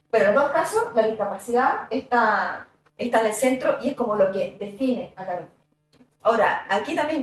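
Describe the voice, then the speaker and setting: A woman giving a university lecture, thoughtful and conversational, with many fillers and tag questions. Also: sits high. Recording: echoey room, voice from a distance.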